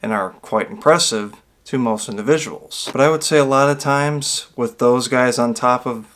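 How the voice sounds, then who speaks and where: A man's voice: medium pitch, normal speed, a bit bright. A man with a small video channel giving an earnest, rambling motivational monologue, drawing out key words for emphasis.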